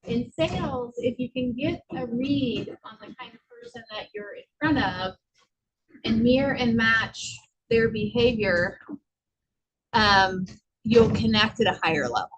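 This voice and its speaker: A woman's voice: a little high, unhurried, fairly bright tone, slight background noise, poor audio. Chatty woman leading a workshop. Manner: loose and rambling, with many fillers. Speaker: workshop presenter. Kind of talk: casual office training talk.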